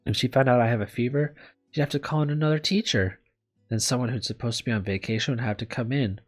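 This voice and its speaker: Over background music, a man reads a visual novel aloud, voicing a young woman teacher who lies sick in bed, anxious and full of self-doubt. His mid-range voice moves quickly and sounds natural, hesitant and self-pitying, glum and apologetic.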